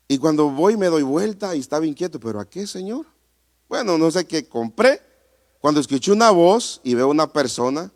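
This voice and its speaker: A man preaching a sermon as pastor in a church, animated, asking the congregation rhetorical questions. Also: on the high side.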